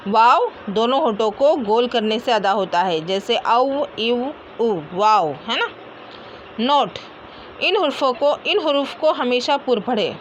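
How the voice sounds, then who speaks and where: Slow, high-voiced woman teacher. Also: expressive, lo-fi sound, a little hiss or hum. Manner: slow, repeats each sound aloud, asks "है ना?". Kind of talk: Quran letter pronunciation lesson.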